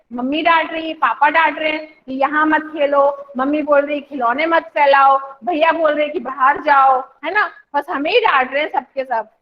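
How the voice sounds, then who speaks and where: A woman teaching a primary school class online, explaining simply and reciting a poem slowly and clearly. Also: sits high, muffled recording.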